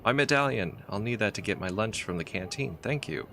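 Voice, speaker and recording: A man reading a gruff, proud woman artificer aloud from a text adventure game, in a brusque, grumbling way. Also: lowish voice, lively intonation, a little fast, bright, forceful tone, a little hiss or hum. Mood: chatty.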